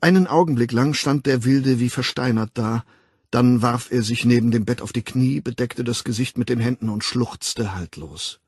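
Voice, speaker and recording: A man reading a novel aloud as an audiobook narrator in a measured, expressive way. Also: medium pitch, breathy edge, no room sound.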